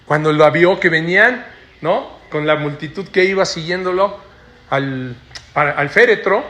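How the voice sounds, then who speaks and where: Male preacher, sharp, bright delivery, keeps checking in with his flock. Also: a little high, measured pace. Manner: tags sentences with rhetorical "¿no?". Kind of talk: sermon. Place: church before a congregation.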